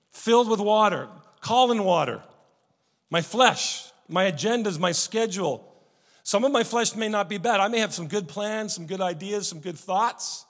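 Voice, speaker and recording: A pastor preaching with a high, light voice that rings out through a long reverb, as in a church hall. He swings between soft, intimate stretches and loud, emphatic bursts. The delivery is animated and direct. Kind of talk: sermon.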